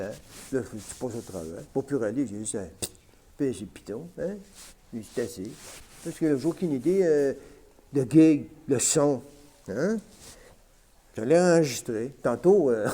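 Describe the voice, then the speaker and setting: Smoking on camera at home, a man with a Québécois French accent chats loosely in an unedited vlog, peppering his speech with "hein" and "man." His voice is mellow and medium in pitch.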